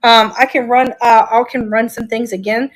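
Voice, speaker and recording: A woman's voice: fairly high pitch, little pitch movement, normal speed. A woman hosting a casual live-stream auction, chatting enthusiastically and thinking aloud as she shows each item.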